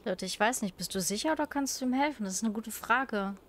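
A woman's voice: on the high side, a little fast. A woman casually commenting on her gameplay, chatty and joking with viewers. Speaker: let's play streamer.

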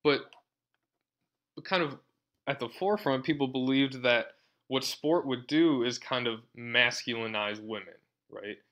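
A man's voice: medium pitch, unhurried, fairly bright tone. Man lecturing with a sarcastic edge. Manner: conversational, frequent tag question "right?". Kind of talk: university lecture.

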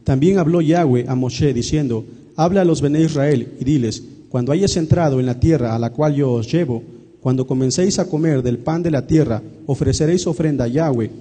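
Guy reading scripture, dark husky voice, kinda far off, echoey. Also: fairly high pitch, a little fast. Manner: steady formal reading. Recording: long reverb from off the mic.

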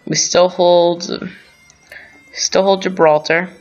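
A man's voice: high-pitched, flat delivery, slow pace. A man hosting a gaming channel, thinking aloud through strategy game commentary with rambling asides and self-corrections. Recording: dull lo-fi sound, faint music.

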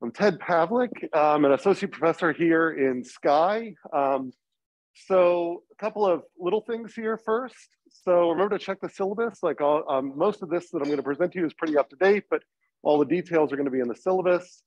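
A male university lecturer with a higher-pitched voice introduces a course in an informal lecture in a classroom, speaking through a face mask while getting over a cold. His delivery is halting, and the dry recording sounds slightly dull and muffled.

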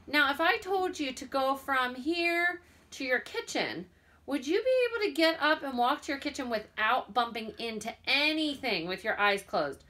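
Lady teaching little kids from home, slow clear voice, sounds out words, encouraging. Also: high-pitched, expressive, sharp tone. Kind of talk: remote lesson for young children.

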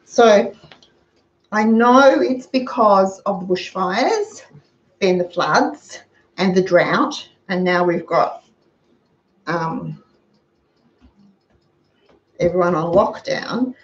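Chatting in her home kitchen, this older host of a frugal cooking channel, who has an Australian accent, shares money-saving tips while she demonstrates a recipe. She sounds animated but speaks very slowly with long pauses, in a mid-range voice captured by a fixed camera across the counter in roomy, dull lo-fi audio.

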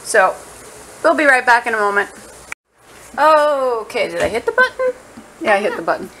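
Her voice runs on the high side with big pitch swings and a sharp tone, and she talks at a moderate pace. She's a home cooking vlogger thinking aloud informally and playfully while cooking in a noisy kitchen where food sizzles.

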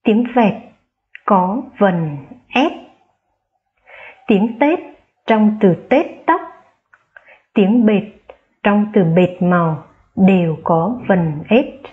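A primary school teacher gives a slow, careful online phonics lesson to young children, drawing out her words and spelling each sound aloud. Expressive, she lets her voice rise high on the key words she wants repeated. The recording is a little dull and muffled.

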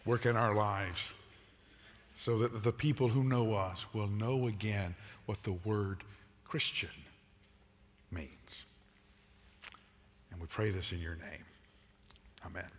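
An older man preaching a sermon as pastor, animated and moving about the stage in a large church auditorium. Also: fairly high pitch. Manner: animated preacher, gesturing while pacing the stage. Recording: long reverb of a large sanctuary.

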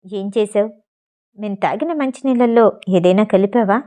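A woman voicing a suspicious, stern male gang member in an audio novel, giving gruff, distrustful orders in a lowered voice. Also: moderate pace, mellow, lightly acted.

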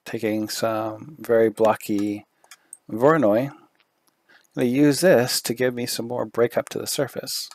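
Here a man with a low, fry-tinged, hoarse voice walks viewers through a 3D program on a screen recording, taking his time and musing aloud with filler words. His voice is failing, so he clears his throat now and then. The sound is close and dry, with no room sound at all.

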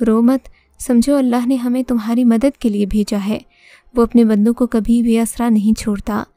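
A woman narrator gives voice to a protective female jinn, heavy-voiced and stern, speaking in a storybook tale. The tone is mellow and dry, and faint music plays underneath. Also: a little high, little pitch movement, dry recording, natural voice. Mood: consoling. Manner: stern, then consoling.

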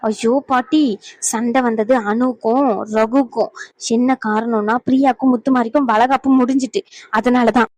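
A woman's voice: fairly high pitch, fairly even intonation, moderate pace, a little mellow, no room sound, close to an everyday voice. A woman voicing a blunt, exasperated young granddaughter in a cartoon family drama. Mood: explaining.

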